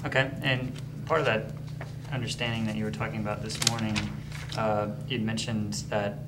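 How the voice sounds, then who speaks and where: A man interviewing a guest, hesitant and filling pauses while he frames his questions. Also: lowish voice, level tone, heavy background noise. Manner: hesitant, many fillers while framing questions.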